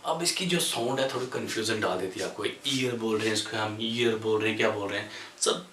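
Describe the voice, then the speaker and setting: A man's voice: lowish voice, bright, forceful tone. Man teaching grammar in an echoey room. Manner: explains slowly with many pauses and fillers, mixing English terms into Hindi. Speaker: English teacher. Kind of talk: classroom grammar lesson. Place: classroom. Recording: roomy echo, voice from a distance.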